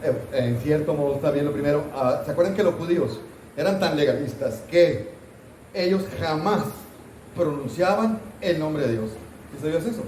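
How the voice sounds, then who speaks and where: A man's voice: a little high, animated, normal speed, darkish tone, far from the mic, a little hiss or hum. A pastor teaching a Sunday school Bible class, talking casually with his students and asking them questions, recorded in a church room. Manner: conversational, asks the class questions, mock scolding asides. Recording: roomy church hall, voice from off-mic.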